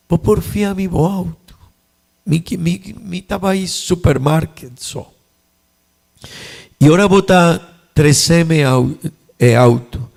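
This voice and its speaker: A man's voice: fairly high pitch, a little mellow. A man with an Aruban accent, a pastor preaching a sermon in a church, repeating his points with emphasis and rising in volume on key lines. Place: church sanctuary.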